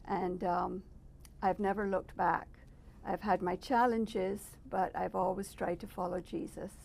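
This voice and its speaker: A middle-aged woman from Barbados, a guest telling her life story in an interview, thoughtful and measured with frequent pauses. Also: mid-range voice, steady tone, gravelly, a little mellow. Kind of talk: personal testimony interview. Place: residence.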